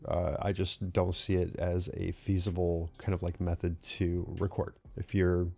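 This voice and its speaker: A man's voice: sits low, flat delivery, a little slow, creaky, warm tone, faint music behind. A man hosting a casual screen-recorded tutorial, explaining step by step with fillers and frequent "right?" check-ins. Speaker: tech tutorial host.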